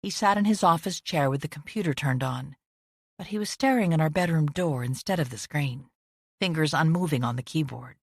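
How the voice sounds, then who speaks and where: A woman reading a first-person audiobook narration in a measured, introspective way. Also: low voice, vocal fry, slightly rough, no room sound, studio quality.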